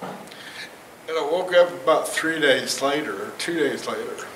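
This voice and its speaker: A man in his fifties gives a personal testimony to a church congregation from the stage of a large indoor sanctuary, rambling and chuckling at his own jokes. His voice is fairly high and a bit bright, with lively intonation and a measured pace. It was captured by a far-off camera with no visible mic, so the audio is noisy with a roomy echo.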